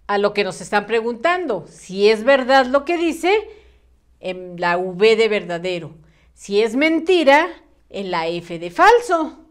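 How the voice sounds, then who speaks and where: A woman teaching a children's spelling lesson, patient and sing-song, using diminutives. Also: sits high. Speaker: primary school teacher.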